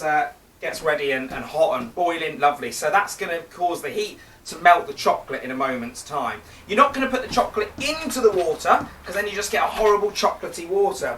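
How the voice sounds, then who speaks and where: A bright, fairly high man runs a kids' cooking demo from a theatre stage, chatting playfully to the children watching. He stands back from the mic, so his voice carries a roomy echo. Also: distant mic, a little hiss or hum. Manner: chatty, playful, talks straight to children and teases a companion. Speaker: children's show presenter. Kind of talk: live cooking demonstration for kids.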